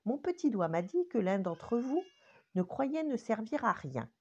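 Bossy little girl, higher voice, giving orders, put on by an older woman, storybook, lo-fi. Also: very animated, unhurried, dark tone, breathy edge, heavily acted. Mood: resolute.

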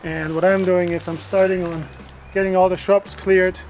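A man's voice: high-pitched, little pitch movement, moderate pace, a little mellow, a little hiss or hum. A man outdoors in an overgrown yard plainly explaining his work to a camera some distance away. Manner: plain, matter-of-fact explaining. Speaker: vlogger renovating a house.

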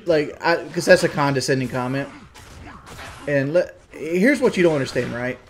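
A man's voice: a little high, moderate pace, a little hiss or hum. A man with a Southern US accent chatting on a stream in a rambling, crude, defensive way. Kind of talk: casual stream chat.

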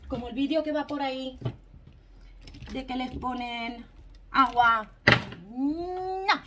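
A woman from Spain with a Spanish accent, chatting excitedly to her viewers while she tries makeup on at home in front of a camera set in a ring light. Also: high voice, takes it slowly, a little hiss or hum. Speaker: beauty vlogger. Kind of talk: casual makeup review vlog. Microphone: camera mounted in a ring light, a bit back.

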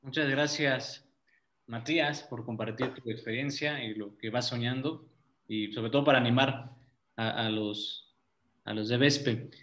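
A man's voice: medium pitch, fairly even intonation, a little slow, a bit bright, a little hiss or hum. Encouraging male teacher on a video call. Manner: encouraging, coaxing shy students. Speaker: youth group leader, teacher.

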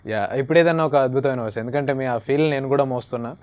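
A man's voice: mid-range voice, racing, no room sound. A male interview host who talks in an encouraging way and often gives brief affirmations. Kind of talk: interview hosting. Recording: dry, slightly dull lo-fi sound.

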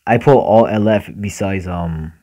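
A man's voice: fairly low pitch, measured pace, dark tone. A young man commenting casually on game summons, frustrated and muttering, sometimes swearing. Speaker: gaming YouTuber.

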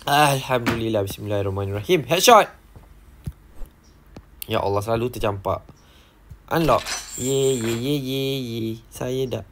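A young man, commentating a horror game and often bursting into shouted exclamations. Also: mid-range voice, normal speed, noisy background. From Malaysia. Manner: excitable, frequent shouted exclamations. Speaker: gaming YouTuber.

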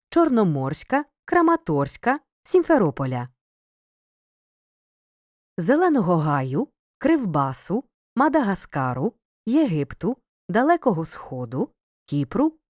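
A woman reading a scripted grammar lesson as a teacher, clear and measured, pausing between listed words. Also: medium pitch, darkish tone, dry recording, studio quality. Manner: clear, measured, reads word lists with pauses. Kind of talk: scripted educational narration.

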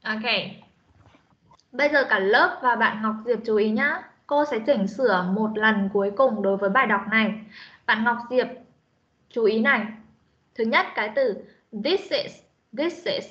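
A woman teaching an online English class, drilling pronunciation and repeating words slowly in a stern way. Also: on the high side, a bit bright. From Vietnam. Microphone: video call. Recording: muffled online meeting audio.

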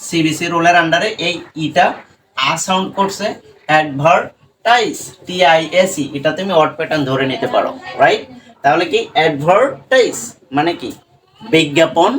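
Bengali-accent teacher, quizzes himself out loud, stretches words slow, bit of hiss behind. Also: medium pitch. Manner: asks questions and answers them himself, repeats words slowly. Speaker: English pronunciation teacher. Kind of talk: classroom-style lesson to students.

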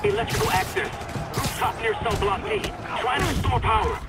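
Embattled sergeant calling for help in an action game, male actor, high and strained, loud music behind. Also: a little fast, lightly acted. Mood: urgent. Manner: urgent, strained. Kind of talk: video game voice acting. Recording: distant-sounding voice under loud music.

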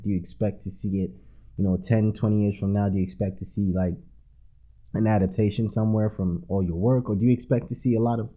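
A man with a low voice hosts a podcast interview. He asks long questions and pauses on fillers as he goes. He sounds thin and tinny, like he is on a phone line. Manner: hesitant, filler-heavy questioning. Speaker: podcast host.

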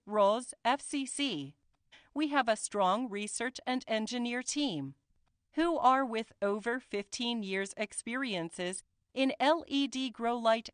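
A woman reads a scripted corporate voice-over at a very slow, deliberate pace. Her voice sits a little high and comes across smooth and clear. The recording is close and dry, with no room sound. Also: fairly bright tone, no room sound. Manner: slow, careful, deliberate reading. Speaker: company spokesperson.

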